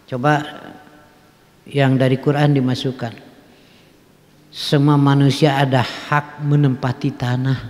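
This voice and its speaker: A man's voice: mid-range voice, darkish tone. Sundanese-accented man preaching in a mosque. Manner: folksy, mixes in regional phrases, asks the audience questions, chuckles. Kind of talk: mosque study sermon. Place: mosque hall. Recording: long hall reverb.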